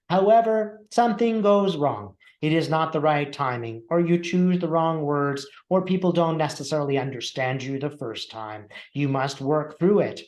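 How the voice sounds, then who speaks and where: A man speaking as a seance medium, channeling a calm, wise collective of spirit teachers in formal, measured phrases with deliberate pauses. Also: on the high side, close to an everyday voice. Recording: echoey room.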